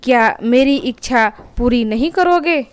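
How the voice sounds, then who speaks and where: A woman's voice: on the high side, animated, measured pace, clear, resonant tone, dry recording. A woman voicing a sly female cat in a children's cartoon story, coaxing and sweet-talking. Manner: coaxing then scolding.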